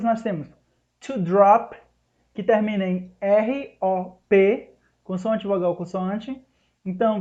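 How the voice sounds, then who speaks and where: A man teaching an English lesson in Portuguese, explaining each rule step by step and slowing down to spell out the English examples. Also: high voice, darkish tone. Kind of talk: recorded online lesson. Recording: dull lo-fi recording.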